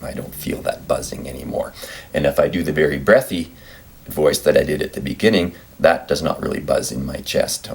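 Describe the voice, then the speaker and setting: A man with an extremely deep, gravelly voice talks calmly about how singing feels. He breaks off into sung notes as he explains. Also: fairly quick. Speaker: singer demonstrating vocal range. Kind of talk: vocal demonstration.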